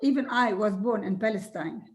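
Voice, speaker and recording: An older woman from Jordan, a native Arabic speaker, telling her life story slowly and earnestly, with soft laughs now and then. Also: mid-range voice. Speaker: guest speaker. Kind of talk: recorded video conversation.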